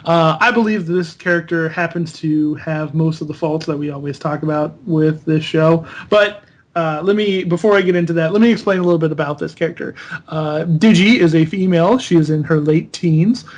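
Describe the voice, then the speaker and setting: A man's voice: on the high side, normal speed. A man hosting an unscripted podcast critique, reading a character bio aloud and stopping to mock and correct it. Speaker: podcast host.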